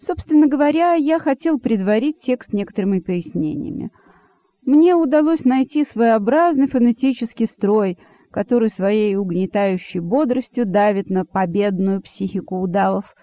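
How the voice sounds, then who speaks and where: A woman's voice: mid-range voice, expressive, moderate pace, natural voice. A woman reading aloud and voicing a male poet who hesitates and over-explains his verses. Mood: fussy. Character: fussy, embarrassed male court poet. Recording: dry tinny phone-like sound.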